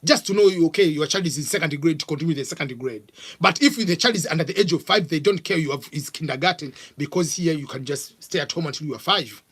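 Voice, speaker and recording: This middle-aged Tanzanian host takes viewer questions in a live vlog chat, casual and halting, with plenty of fillers. His Tanzanian-accented voice is a little high, a bit bright, and slightly rough.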